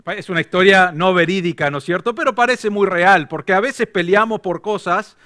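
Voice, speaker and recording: A man's voice: sits high, normal speed, bright, forceful tone. A male pastor with an Argentine accent giving a conversational sermon and telling a story. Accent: Argentine Spanish.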